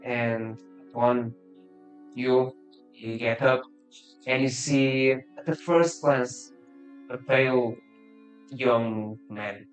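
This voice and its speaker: Slow, hesitant man narrating a game. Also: medium pitch, soft background music, poor audio. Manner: hesitant, many fillers and self-corrections. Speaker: game master.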